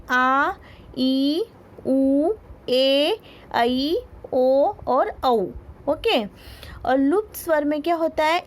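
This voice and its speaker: A woman teaching a school grammar lesson. She asks questions and answers them herself, repeats key words and stretches out her examples. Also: high-pitched.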